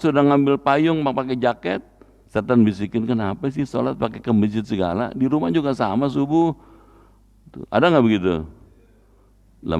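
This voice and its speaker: A man's voice: medium pitch, darkish tone. A man preaching a Quran study sermon in a mosque, talking colloquially and putting rhetorical questions to the congregation. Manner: spells out recitation slowly and deliberately. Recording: dull lo-fi recording.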